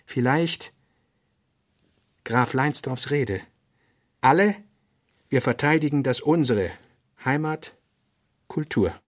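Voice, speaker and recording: Halting and pensive, then breaking into emphatic bursts, a brooding thinker works through sketched notes in a literary radio play. The male actor voicing him has a mid-range voice with lively intonation.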